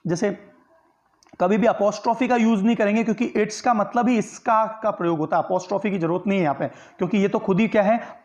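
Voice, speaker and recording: A man's voice: high voice, darkish tone. A man teaching a grammar lesson for exam preparation, explaining step by step and often answering his own questions. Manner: tag questions that seek agreement from listeners. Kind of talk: online exam-prep lecture.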